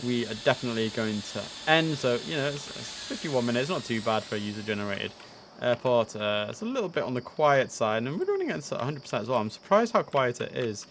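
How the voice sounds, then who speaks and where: Speaking at a medium pitch, this man is very animated and a little quick, with a fairly bright tone and slight hiss or hum on the recording. He's running a casual live stream of an air traffic control simulator, musing and chatting as he plays.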